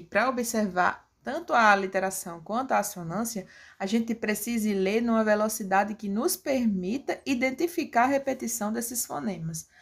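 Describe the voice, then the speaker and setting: A woman teaching a grammar lesson, explaining patiently step by step. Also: medium pitch. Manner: explains step by step with tag questions.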